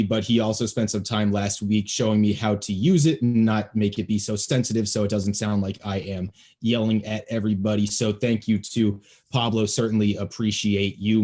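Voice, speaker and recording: A man's voice: on the low side, fairly even intonation, moderate pace, few pauses, a little mellow. Chatty young man hosting a podcast. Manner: friendly, chatty and joking. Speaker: podcast host. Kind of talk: casual sports podcast chat. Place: home, near Baltimore. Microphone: home podcast microphone.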